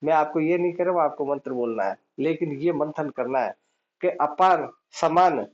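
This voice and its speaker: A man's voice: on the high side, normal speed. Hindi-speaking male spiritual teacher, lo-fi. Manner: patient, explanatory, repeats points, chants mantras. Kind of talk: devotional teaching.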